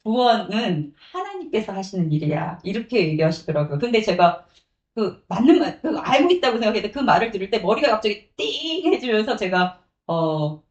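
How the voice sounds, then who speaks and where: A woman's voice: mid-range voice, big pitch swings, fairly quick. A woman evangelist preaching a sermon with personal testimony, acting out quotes and laughing often. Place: church sanctuary. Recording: echoey church room.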